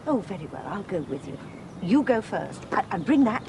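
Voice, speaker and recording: An actress playing a fussy, alarmist older neighbour in a TV soap, urgent and bossy, over noisy location sound. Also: female voice, medium pitch, very animated, normal speed. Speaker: busybody neighbour. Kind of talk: TV soap drama acting.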